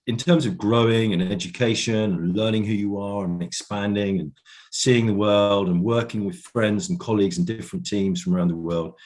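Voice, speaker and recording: A man's voice: lowish voice, fairly even intonation, normal speed, darkish tone. A man answering as an interview guest in casual, reflective talk, often hedging as he goes.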